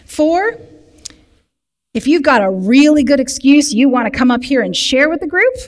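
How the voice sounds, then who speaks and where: A woman leading a recovery group, teaching in a lively way and speaking directly to the room with humor. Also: high voice, normal speed. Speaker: recovery program leader. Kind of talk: sermon teaching. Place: church meeting room. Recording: long hall reverb.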